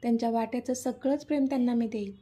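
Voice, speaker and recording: Storybook best friend, insistent and emotional, read by a woman; husky, mellow voice. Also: a little high, steady tone, fast. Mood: fond. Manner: pleading, insistent.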